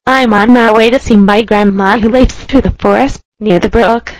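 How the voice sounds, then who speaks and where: A woman's voice: fairly high pitch, fairly even intonation, normal speed, no echo, voice pushed up, lightly acted. A woman voicing a polite, eager little girl in a storybook tale, sweet and earnest.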